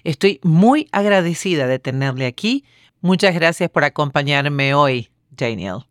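A woman host reading a formal podcast introduction and questions in a measured voice-over. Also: deep voice, animated, no echo, studio quality. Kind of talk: scripted Spanish voice-over of host.

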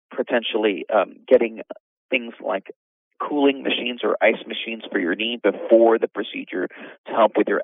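Man, orthopedic surgeon guest, gravelly husky voice, lots of uhs and restarts, tinny phone-line sound. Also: lowish voice, dry recording. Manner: explains at length with many fillers and restarts. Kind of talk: podcast interview.

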